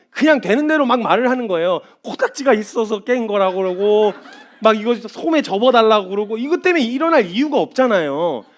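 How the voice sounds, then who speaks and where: Male preacher, high voice, sweeping pitch, sermon, acts out scenes, quiet intense passages. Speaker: missionary preacher.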